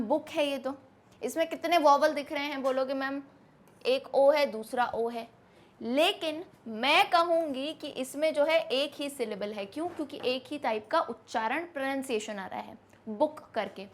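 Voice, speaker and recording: Indian lady teacher, high pitched, explains stuff and asks "clear?" a lot. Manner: lively, asks questions to students, mixes Hindi and English. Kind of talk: classroom lesson explanation.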